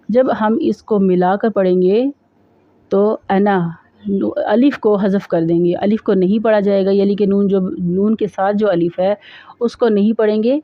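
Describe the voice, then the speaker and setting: A woman with a Pakistani Urdu accent teaching Quran reading, spelling out syllables slowly and drilling them. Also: mid-range voice, no echo. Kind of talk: spelling out and recitation drill lesson. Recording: dull, dry close recording.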